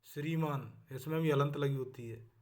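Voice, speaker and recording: A man teaching a spelling lesson for exam preparation, speaking with a Hindi accent. He repeats each word to drill it and often trails off softly at the end of a line. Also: fairly high pitch, moderate pace.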